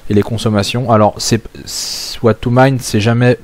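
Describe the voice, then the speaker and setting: A man's voice: mid-range voice, steady tone, moderate pace. A man from France explaining a topic in a casual screen-share tutorial, thinking aloud with many filler sounds. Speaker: crypto mining channel host.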